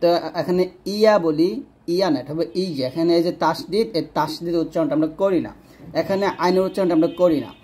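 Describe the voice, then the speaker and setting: A man teaching correct Quran recitation in a lesson, explaining each sound step by step and slowly drawing out the recited words. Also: a little high, dark tone, husky.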